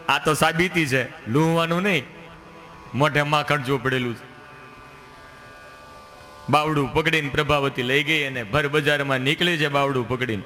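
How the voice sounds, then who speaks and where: Casting: a male devotional storyteller, folksy and lively, with a bright, forceful tone. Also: mid-range voice, slight background noise. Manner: lively, folksy, acts out voices. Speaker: religious storyteller.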